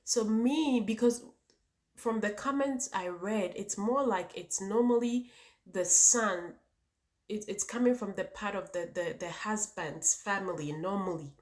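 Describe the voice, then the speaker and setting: A woman's voice: mid-range voice, unhurried, a little mellow. A woman with a Ghanaian accent speaking emphatically to her viewers as a vlog host, repeating points and posing rhetorical questions. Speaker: vlogger and channel host. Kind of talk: opinionated personal talk to viewers.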